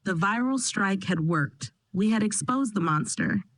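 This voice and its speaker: A woman narrating a first-person family drama in a steady, dramatic storytelling manner. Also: mid-range voice, a little slow, no echo, rough recording.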